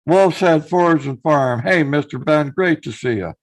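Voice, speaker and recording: A man with a slightly high, hoarse voice talks at a normal pace during a casual live stream. He welcomes viewers by name and reads out what they've written.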